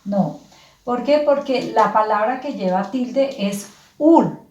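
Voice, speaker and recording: A patient woman teacher with a fairly high voice talks very slowly and clearly, breaking words into syllables for her students. The recording has a noticeable room echo. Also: expressive, darkish tone, muffled recording. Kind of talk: slow, clear classroom explanation.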